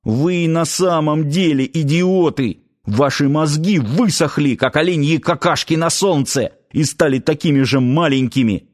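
A man voicing a blunt, stubborn young Saami man in an audiobook, his lines raised in pitch and often shouted. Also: measured pace, close to an everyday voice. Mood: furious shouting. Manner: pleading then shouting angrily. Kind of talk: audiobook character voice.

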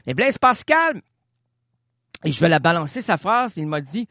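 A sleep-deprived host with a Québécois French accent rambles through an absurd comic monologue, stammering and cutting himself off. His pitch leaps around and sits fairly high. The close mic sounds dry. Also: very animated, normal speed, pushed and bright, no room sound. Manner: absurd, stammering, self-interrupting. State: short on sleep. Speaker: radio show host.

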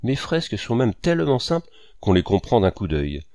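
A man's voice: lowish voice, big pitch swings, normal speed, darkish tone, no room sound, clean studio sound. A man voicing a boastful, exuberant male painter who talks grandly and at length. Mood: grandiloquent. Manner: grandiose, voluble.

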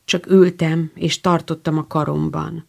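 Woman doing soft shy teen girl in a storybook, low creaky voice. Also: level tone, heavily acted. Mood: sad. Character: gentle shy teenage girl, frightened.

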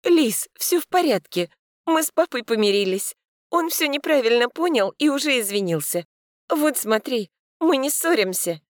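A man voicing a distraught young woman teacher in an audiobook, straining high as she pleads. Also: moderate pace, no echo, studio quality, natural voice. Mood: coaxing.

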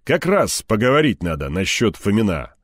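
A man voicing a nervous, fawning middle-aged male police colonel who talks loudly and eagerly. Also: lowish voice, very animated, moderate pace, dry recording. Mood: brash. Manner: flustered, eager to please, loud.

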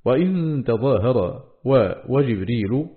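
A man reading a classical scholarly text aloud in a measured recitation, slowing down to spell out each quoted word. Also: medium pitch, animated, phone-quality sound. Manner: slows to spell out quoted words.

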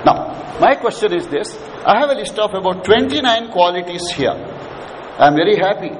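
A man with an Indian accent and a high, lively voice leads a management session as a lecturer, speaking at a moderate pace to students in a large hall. He keeps the lecture interactive, prodding listeners with questions and repeating his points. The hall is echoey and the background is clearly noisy.

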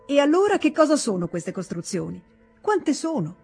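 A woman's voice: very animated, creaky, a little mellow, faint music behind, exaggerated voice. Woman reader doing a careworn, kindly mother. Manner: higher, brisk, questioning. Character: careworn mother, kind, somewhat reserved. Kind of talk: audiobook character voice.

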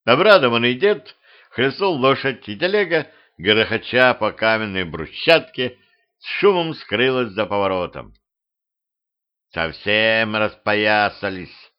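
A man reading a humorous mystical audiobook in an even storytelling manner. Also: medium pitch, normal speed. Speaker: audiobook reader. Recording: dull lo-fi home recording.

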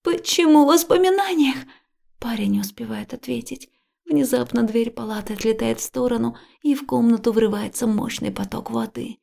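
A woman narrating a first-person audiobook in an intimate, emotional style, often slipping into a breathy whisper. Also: fairly high pitch, fairly even intonation, normal speed, mellow.

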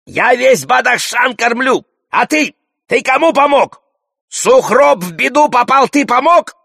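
Guy doing a shrill hunchback warlord, yelling high and needling, audiobook, dry close sound. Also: lively intonation, unhurried, gravelly, husky, dry recording, heavily acted. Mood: shouting. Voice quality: shrill, shouting. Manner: needling, taunting. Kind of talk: audiobook character voice.

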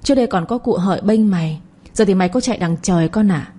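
A woman voicing a harsh, domineering older mother-in-law who shouts insults at her household. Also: medium pitch, fast talker, slightly rough, lightly acted. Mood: furious.

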